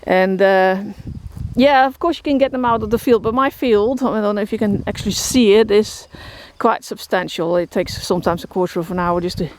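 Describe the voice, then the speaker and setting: Her medium-pitched, darkish voice moves a little fast as this Dutch-accented woman from the Netherlands talks about her horses. She runs a horse shelter and is filming a casual walkthrough vlog outdoors in a rural field, rambling with many fillers and restarts while crickets and outdoor noise sound behind her.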